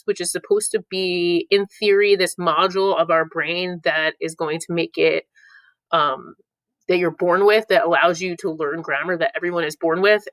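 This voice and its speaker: On poor audio with no echo, a woman with a lowish, pushed, bright voice leads a playful review lesson. Between explanations she reads the clues aloud in silly put-on voices.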